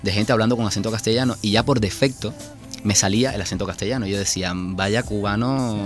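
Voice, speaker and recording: A man's voice: on the low side, steady tone, fast talker, faint music behind. A man from Cuba, a guest author and actor, chatting casually and self-mockingly in a radio interview.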